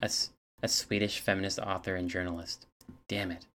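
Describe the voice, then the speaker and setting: Deep-voiced man sharing album facts. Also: flat delivery, brisk, a bit bright. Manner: reads album facts from notes, hesitant fillers. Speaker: podcast co-host. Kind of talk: casual chat.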